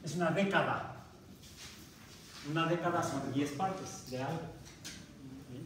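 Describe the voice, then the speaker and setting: Male Mexican math teacher, a bit high-pitched, lecturing and quizzing the class; booming classroom echo, distant mic. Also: a little slow. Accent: Mexican Spanish. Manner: asks the class questions, restarts words. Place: university classroom. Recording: very echoey classroom recorded from far off, noisy.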